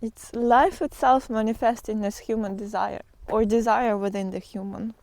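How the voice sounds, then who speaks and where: Out walking as a vlogger, a woman shares a casual spiritual talk with followers, reflective and halting with drawn-out pauses. Her voice is fairly high, steady and darkish, captured in a dry recording.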